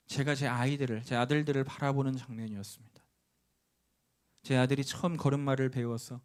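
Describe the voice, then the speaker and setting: A middle-aged man preaching in a church, telling a personal story and acting out the voices of the people in it, with sudden loud cries and hushed lines. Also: mid-range voice. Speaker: pastor. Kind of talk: sermon. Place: church sanctuary.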